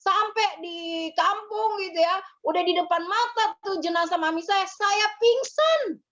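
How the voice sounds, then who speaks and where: Very high-voiced woman preaching. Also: steady tone, moderate pace, fairly bright tone, highs cut off. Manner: conversational, tags phrases with ya and gitu. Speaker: pastor. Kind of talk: sermon at a memorial service.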